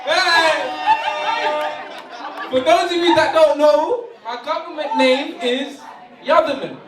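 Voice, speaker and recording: A man's voice: extremely high pitch, slow, far from the mic, loud music behind the voice. A young man doing a stand-up set in a big hall, slightly tipsy, joking and laughing with the crowd. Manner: playful, laughing, shouting to the crowd. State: a bit tipsy. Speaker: stand-up comedian. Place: stage in a large hall with audience. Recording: echoey hall, mic picked up from afar, loud crowd. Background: audience laughter and cheers.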